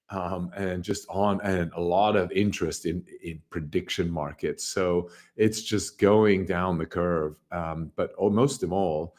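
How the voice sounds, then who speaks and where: With a deep, slightly hoarse voice, a man who founded a company runs a casual livestream about the markets, rambling with emphasis, repeating himself and posing rhetorical questions.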